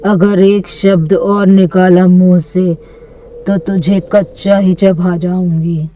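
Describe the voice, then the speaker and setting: A woman's voice: fairly low pitch, level tone, slow pace, dark tone, far from the mic, a little hiss or hum. Churail , as a woman narrator voices her, a menacing witch. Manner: menacing and commanding. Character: fearsome red-eyed female witch, menacing.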